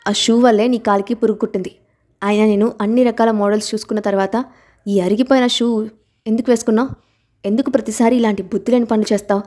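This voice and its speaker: A protective, commanding young husband from an audiobook, read by a woman narrator. Her voice stays mellow and somewhat high but is pulled a little lower for him, and the lines come at a brisk, assured pace. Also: steady tone, close to an everyday voice. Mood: firm. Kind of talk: dramatized audiobook reading.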